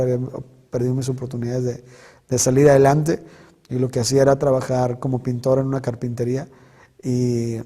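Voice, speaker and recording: A man's voice: mid-range voice, warm tone. A man giving a personal testimony in an earnest, reflective storytelling manner. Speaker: testimony speaker.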